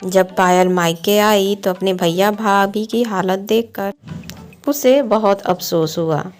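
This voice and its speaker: A woman with a mid-range voice reads scripted storybook narration for a cartoon moral tale, taking her time. Music plays in the background behind her voice.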